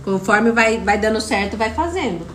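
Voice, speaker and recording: A woman's voice: medium pitch, expressive, moderate pace, fairly bright tone, reverberant, slight background noise. A woman with a Brazilian Portuguese accent hosting a live stream as a spiritual coach, talking in an emphatic, repetitive way and greeting viewers by name. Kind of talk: motivational live-stream talk.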